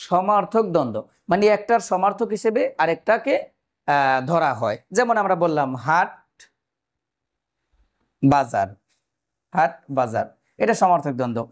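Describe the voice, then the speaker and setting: Male tutor, fairly high voice, methodical exam-prep explainer who quizzes viewers. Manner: explains step by step, asks the viewers questions. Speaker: teacher. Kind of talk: exam-prep grammar lesson.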